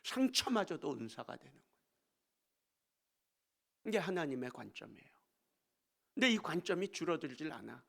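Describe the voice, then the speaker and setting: A male pastor preaching a storytelling sermon in a church. He swings between hushed asides and emphatic exclamations. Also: fairly high pitch, very animated, normal speed, vocal fry, long pauses. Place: church sanctuary.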